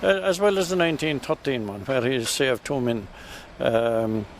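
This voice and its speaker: An Irish man from Kerry with a Kerry accent, talking in a halting way with many ums and restarts in a casual interview outdoors by a river. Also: mid-range voice, noisy background. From Tralee, County Kerry, Ireland. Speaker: local interviewee. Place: outdoors beside a river in a village.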